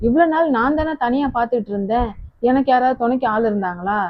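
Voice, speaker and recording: A woman playing a sharp-tongued daughter-in-law in a family comedy skit, sarcastic and brisk. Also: fairly high pitch, lo-fi sound.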